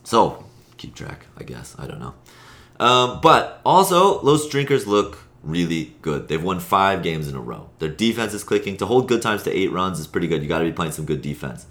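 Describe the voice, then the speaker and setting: A man hosting a casual talk show about his rec league, rambling and correcting himself with sudden bursts of excitement. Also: deep voice, moderate pace. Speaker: podcast host, league player. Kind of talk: casual chat.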